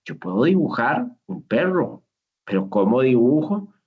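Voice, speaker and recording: A man's voice: medium pitch, very animated, measured pace, breathy edge. A man leading a simulated classroom lesson as a teacher, patient and encouraging, praising each answer. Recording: dull lo-fi recording.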